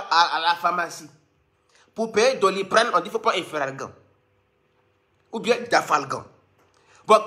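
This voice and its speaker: A man with a Cameroonian French accent delivering a mocking, scolding comic rant to his viewers, with sudden squeaky jumps. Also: sharp tone. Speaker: online commentator.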